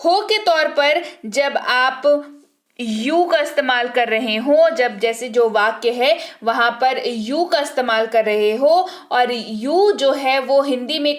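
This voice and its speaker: This is a woman leading a vocabulary lesson. Her voice sits slightly high and she speaks very slowly. She pronounces each English example with careful, drawn-out clarity, as if giving dictation. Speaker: English teacher.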